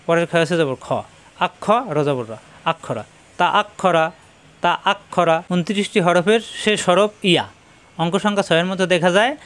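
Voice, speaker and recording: A man teaching Quran reading, who spells out letters and their sounds one by one and repeats each drill patiently. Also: high-pitched. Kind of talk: spelling-out recitation lesson.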